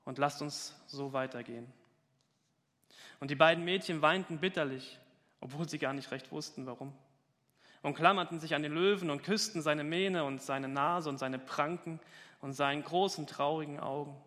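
A man's voice: a little high, moderate pace, a bit bright, big-room sound. A man reading a story aloud with dramatic emphasis during a talk.

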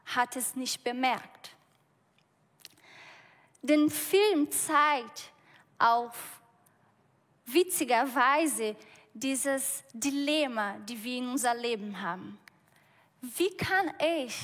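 A woman preaches in a high, fairly bright voice, speaking slowly as she searches her way through each sentence. She keeps stopping and restarting her words, and the long reverb of a big hall surrounds her.

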